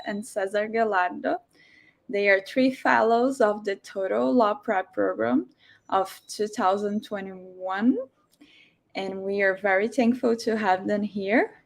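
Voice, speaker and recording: A woman hosts a virtual information session, speaking at an unhurried, deliberate pace. Her delivery is welcoming and has many small fillers. She is heard through a video call. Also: mid-range voice, creaky. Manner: slow, welcoming, with frequent fillers. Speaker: host of an online information session. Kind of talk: hosting a virtual info session.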